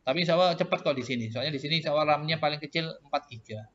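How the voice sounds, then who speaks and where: A man's voice: on the high side, racing, a bit bright. A male teacher walks a class through server setup step by step, patiently repeating each instruction. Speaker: computer networking teacher. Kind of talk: classroom tutorial with student questions. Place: computer lab classroom. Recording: muffled lo-fi classroom recording.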